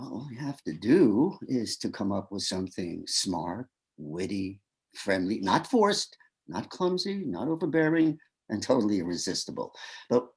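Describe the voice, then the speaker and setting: In a one-act comedy heard over a video call, an actor voices Pete, a nervous, shy man at a gallery, whose inner monologue is flustered, stammering, and full of self-coaching. The man's voice sits lowish and sounds slightly rough.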